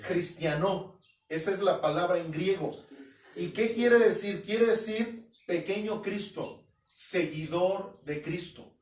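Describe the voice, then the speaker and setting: A man's voice: high-pitched, slow, darkish tone. A man preaching an expository sermon as pastor, emphatic, now and then mocking doubters in quoted voices. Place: at home. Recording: echoey room, mic at a distance.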